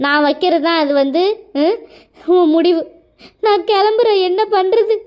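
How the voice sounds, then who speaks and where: A woman's voice: extremely high pitch, normal speed, lo-fi sound. A woman voicing a tearful young husband in a cartoon, pleading and emotional. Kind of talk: cartoon voice acting.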